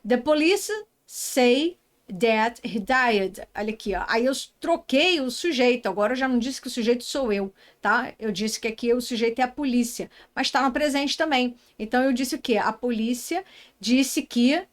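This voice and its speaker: Chatty Brazilian woman teaching English. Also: a little high. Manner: chatty, talks to herself, reads example sentences slowly. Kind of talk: casual online lesson.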